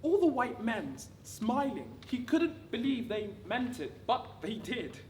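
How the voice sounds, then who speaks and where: A woman giving a rehearsed dramatic reading of wartime letters, measured, with deliberate pauses. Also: fairly high pitch, very animated, darkish tone. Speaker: actor reading a monologue. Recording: distant, echoey room with background noise.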